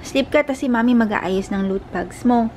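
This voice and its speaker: Young Filipino mother, casual vlogger, high-ish voice, baby-talk sing-song, noisy home recording. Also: moderate pace, a little mellow. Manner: chatty, mixes English into Filipino, sing-song baby talk to her child. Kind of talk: casual home vlog, talking to camera and to her toddler.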